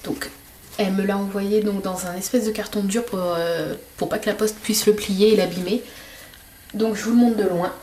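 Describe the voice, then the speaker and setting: A woman's voice: mid-range voice, fairly even intonation, normal speed, warm tone, a little hiss or hum. A woman chatting casually to her camera as a vlogger, with many fillers and restarts. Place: home workshop.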